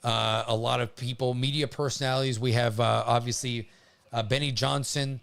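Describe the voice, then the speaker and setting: Halting, informal man giving live storm commentary. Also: mid-range voice, steady tone, gravelly, a bit bright, clear, resonant tone. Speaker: livestream host covering a hurricane.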